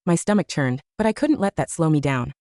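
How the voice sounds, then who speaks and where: A woman narrating a first-person romance audiobook story in an expressive storytelling manner. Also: deep voice, brisk, no echo, studio quality.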